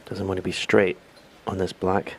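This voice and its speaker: Low, even-toned man in hushed snooker commentary. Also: moderate pace. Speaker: snooker commentator, expert analyst. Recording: faint hall noise. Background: faint noise, ball clicks.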